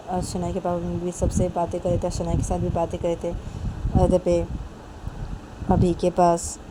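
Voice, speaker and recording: A woman narrating a romance story in a simple, repetitive way. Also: fairly low pitch. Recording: traffic noise behind.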